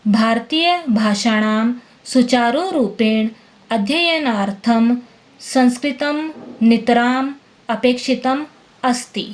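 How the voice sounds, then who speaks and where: A woman teacher walks through a lesson at an unhurried, deliberate pace. Her voice sits fairly high, and she pauses often to check that her students are keeping up. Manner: patient, explains slowly and checks understanding. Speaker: Sanskrit teacher. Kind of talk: classroom lesson explaining text line by line.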